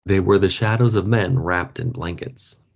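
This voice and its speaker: A man reading a story aloud for learners, slow and expressive. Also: low-pitched, vocal fry. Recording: dull lo-fi podcast audio.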